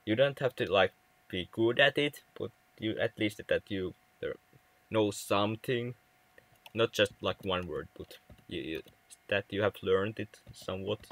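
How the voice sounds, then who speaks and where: This man's voice sits on the low side and sounds a bit bright, with an unhurried delivery. He's a young livestream gamer from Finland, speaking with a Finnish accent as he chats casually with his audience, often tripping over and restarting words.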